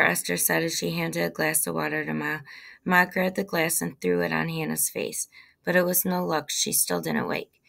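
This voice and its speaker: Low, gravelly woman narrator. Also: fairly bright tone. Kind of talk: storybook reading.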